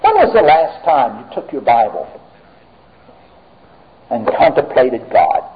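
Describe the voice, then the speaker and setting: A pastor preaching a sermon, swinging dramatically between loud and hushed and asking the congregation questions. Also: male voice, mid-range voice, wildly swooping pitch, slow, slight background noise. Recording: tinny, phone-like sound with long hall reverb.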